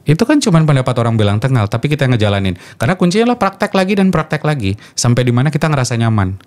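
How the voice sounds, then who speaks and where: A man who works as a radio announcer, talking casually in a podcast chat and explaining with quick acted examples. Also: mid-range voice, very animated, darkish tone.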